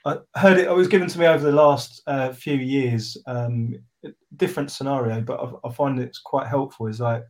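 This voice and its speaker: Mann mit stockender Erklärweise. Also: male voice, mid-range voice, fairly even intonation, a little mellow. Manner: halting, explains with analogies, many fillers. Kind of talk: casual discussion.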